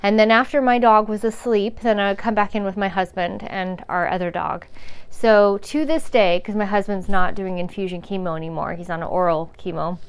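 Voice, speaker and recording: A woman's voice: mid-range voice, fairly even intonation, moderate pace, clean tone. A woman telling a frank, rambling personal story about caregiving, with restarts, swearing and chuckles. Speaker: caregiver sharing her story.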